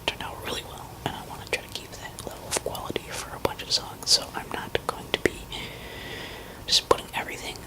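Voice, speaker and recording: Barely audible, breathy woman's whisper. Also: poor audio. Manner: hesitant, rambling, pausing mid-thought. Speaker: musician talking to listeners. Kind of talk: whispered ASMR ramble.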